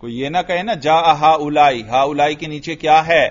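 A man teaching Arabic grammar in a slow, patient way, quizzing students with repeated questions and drills. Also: fairly high pitch, lo-fi sound. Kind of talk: classroom grammar lesson with drills.

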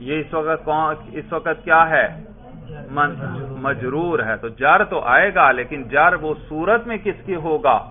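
A man teaching an Arabic grammar lesson, patiently quizzing his students, answering his own questions and slowly reading out example phrases. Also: fairly high pitch. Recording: tinny phone-like audio.

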